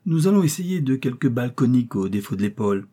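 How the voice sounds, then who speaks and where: A man's voice: mid-range voice, very animated, fast, dark tone, breathy edge. A man voicing an impatient, doubtful middle-aged hunter in a storybook.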